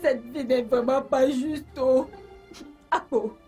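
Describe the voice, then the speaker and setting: A cheeky young house servant in a dubbed film, with a high voice. She teases and laughs even while she whimpers. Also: slow, soft background music. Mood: teasing. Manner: teasing, half laughing, half crying.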